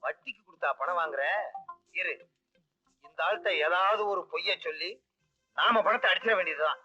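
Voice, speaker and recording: A scheming comic husband, evasive, dull old soundtrack, faint music. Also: male voice, high voice, moderate pace, sharp tone, full character voice. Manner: wheedling, evasive. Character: sly scheming young husband, comic trickster. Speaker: film actor. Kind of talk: 1980s Tamil film dialogue.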